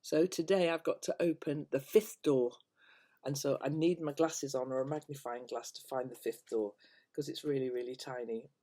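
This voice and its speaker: An older woman speaks to camera in a casual, rambling chat. Her delivery is hesitant and meandering, and her phrases often trail away softly at the end. It sounds like an informal vlog made at home. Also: very deep voice, steady tone, moderate pace. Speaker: vlogger chatting to viewers. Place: at home, indoors.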